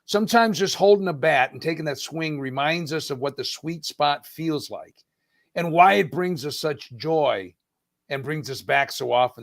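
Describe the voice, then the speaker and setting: A man's voice: on the high side, vocal fry, dry recording, studio quality. A man hosting a podcast interview over a video call, friendly and often restarting his sentences. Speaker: podcast host.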